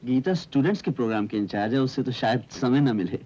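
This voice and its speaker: An actor playing a gentle young Sanskrit teacher in a 1970s Hindi film, who is soft-spoken and teasingly persistent. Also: male voice, medium pitch, animated, fast, lightly acted. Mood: coaxing. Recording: dull old film soundtrack with music.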